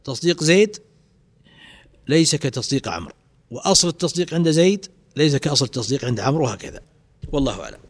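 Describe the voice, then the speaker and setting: A man's voice: a little high, lively intonation, fast, pauses often. A man, teaching a classical creed text and quizzing his students with rhetorical questions.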